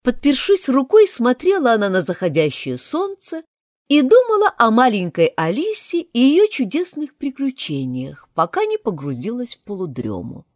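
A woman narrating an audiobook fairy tale in an expressive storybook manner. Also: normal speed, no echo, studio quality. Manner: highly expressive, animated.

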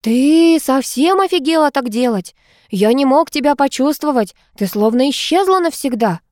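A woman voicing a hot-tempered, protective male cat familiar who shouts in indignant outbursts, as in an audiobook. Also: fairly high pitch, expressive, moderate pace, no room sound, studio quality, natural voice. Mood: furious. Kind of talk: audiobook character voice.

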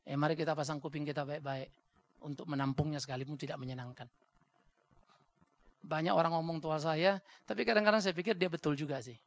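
Batak pastor guy preaching, high gravelly voice, blunt and jokey, dry close sound. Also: no room sound. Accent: Batak Indonesian. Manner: blunt, joking, animated preacher. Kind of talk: sermon.

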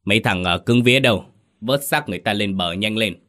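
A man's voice: fairly low pitch, fairly quick, fairly bright tone, close to an everyday voice. A man voicing a middle-aged village elder, anxious and giving urgent orders.

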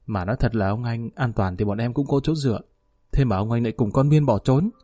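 A man's voice: medium pitch, brisk, dark tone, dry recording, clean studio sound, close to an everyday voice. A man voicing a fawning, nervous male gang underling who pleads and placates in a story reading. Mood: pleading.

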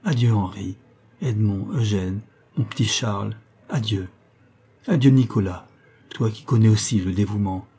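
A man reads a dying old man bidding a tender farewell in an audiobook. The voice is low, dark and husky, soft and gentle in manner. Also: measured pace.

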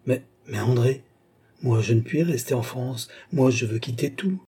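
An earnest young nobleman, voiced by a man reading aloud, gentle and consoling, in a dark, slightly husky low voice. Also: normal speed. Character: young nobleman, tender anxious brother.

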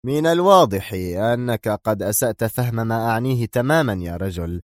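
A man voicing a cold, firm male intelligence agent in an audiobook, speaking curtly and deliberately. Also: medium pitch, animated, no echo, clean studio sound, close to an everyday voice.

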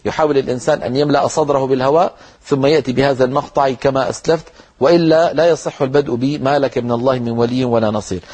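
A man teaching the rules of Quran recitation, explaining points and demonstrating words slowly. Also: medium pitch, steady tone, darkish tone, breathy edge.

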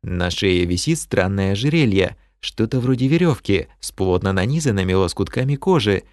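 A man narrating a first-person fantasy audiobook in an expressive storytelling manner. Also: on the low side, normal speed, no echo, studio quality.

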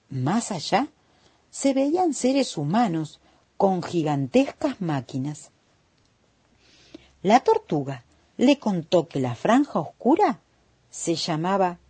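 Argentine woman narrator, warm, very slow radio read. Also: lowish voice, husky. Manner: calm, very slow reading. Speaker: storyteller. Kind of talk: children's story read on radio.

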